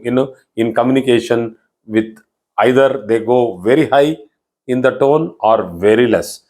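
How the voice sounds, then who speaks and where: A middle-aged man with a South Indian accent, giving a recorded astrology lesson in an explanatory style, often restarting phrases. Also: medium pitch. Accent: South Indian English. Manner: explanatory, repeats words and restarts, frequent "you know". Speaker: astrology teacher. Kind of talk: online class lecture.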